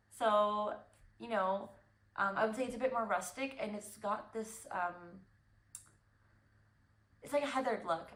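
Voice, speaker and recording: A woman's voice: mid-range voice, echoey room. A young woman hosting a knitting podcast, chatting casually and rambling with fillers and restarts. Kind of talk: casual chat.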